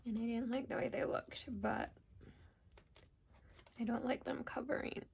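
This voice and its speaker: A woman's voice: on the high side, fairly even intonation, a little slow, vocal fry, darkish tone, slight background noise. A woman with an American accent chatting casually and informally in a rambling, self-deprecating plan-with-me vlog, often trailing off mid-thought. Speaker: planner vlogger.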